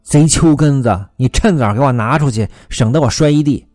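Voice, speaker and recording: A man's voice: mid-range voice, sing-song, measured pace, darkish tone, no echo, faint music behind. A male storyteller voicing a grieving, furious young servant woman who wails and hurls accusations in a raised voice, in a dry, close recording. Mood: scolding. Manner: wailing, accusing outbursts.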